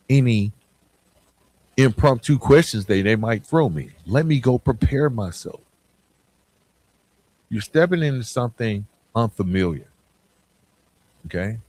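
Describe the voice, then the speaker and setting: His mid-range voice carries a darkish tone as he hosts a motivational show, pressing his points earnestly in casual speech aimed right at the listener.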